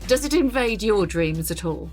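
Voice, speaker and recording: A woman hosting a podcast, reading a scripted intro and then chatting with a guest in a bright, easy manner. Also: medium pitch, expressive, normal speed, soft background music. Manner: bright, chatty, laughs easily. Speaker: podcast host.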